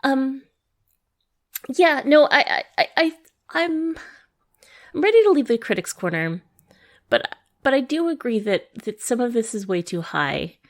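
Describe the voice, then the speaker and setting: A woman's voice: on the high side, sing-song, unhurried, long pauses. Woman cohost, lots of yeahs and restarts, easygoing podcast banter. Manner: chatty, agreeable, lots of fillers and restarts. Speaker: podcast co-host. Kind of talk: casual chat.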